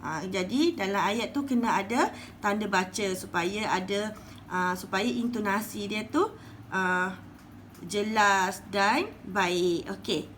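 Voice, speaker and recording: A woman teacher with a Malaysian Malay accent, explaining a lesson slowly and patiently, often saying "okey". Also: medium pitch, a bit bright, slight background noise. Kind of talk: online class lesson.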